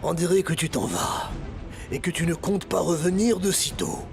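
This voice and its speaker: An actor playing a scheming, menacing man in a dubbed TV drama, with a gravelly, threatening voice. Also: fairly high pitch, moderate pace, music in the background. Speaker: scheming uncle. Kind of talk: French TV drama dub.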